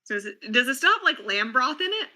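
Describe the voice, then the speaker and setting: A woman plays a tabletop game in a very bright, sharp voice. She talks casually and asks a lot of questions. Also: high-pitched, very animated, quick pace, rough recording. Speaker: player. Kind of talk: in-character tabletop play.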